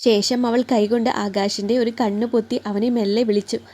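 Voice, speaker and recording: A woman storyteller reads a romance story aloud in a soft, even way. Her voice sits a little high and sounds mellow and warm. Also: brisk. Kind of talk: scripted narration of a romance story.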